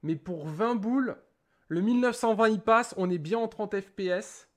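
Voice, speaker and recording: A man's voice: sits high, moderate pace. A young man casually reviewing a webcam at his home desk, joking, rambling and swearing as he sets it up. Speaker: tech YouTuber. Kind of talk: casual product review vlog.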